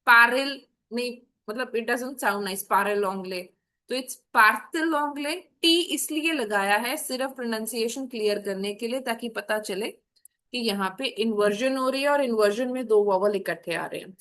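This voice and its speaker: A woman's voice: a little high, moderate pace, a bit bright. A woman teaching French grammar in a classroom-style explanation, patiently repeating example sentences in Hindi and English.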